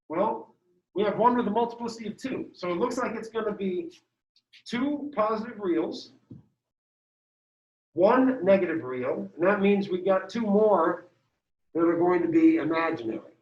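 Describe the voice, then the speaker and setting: A man's voice: sits high, animated, normal speed, pauses often. A male math teacher giving a classroom lecture, upbeat and walking students through each step. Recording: dull echoey room sound from far off.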